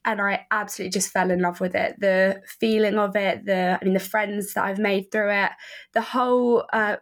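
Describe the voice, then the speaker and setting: A woman's voice: medium pitch, steady tone, normal speed. A young woman, a semi-pro fighter, answering interview questions enthusiastically, with plenty of "I mean" fillers. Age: young adult.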